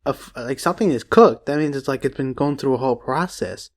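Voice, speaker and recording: A young man co-hosts a podcast, chatting in a loose, rambling way and swearing plenty. His voice is medium-pitched and fairly quick.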